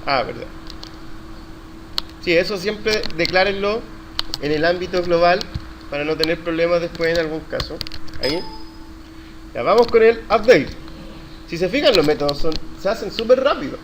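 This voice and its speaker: A noisy classroom recording captures a male university lecturer teaching coding live. His high-pitched voice moves at normal speed with long pauses as he questions students and praises their replies.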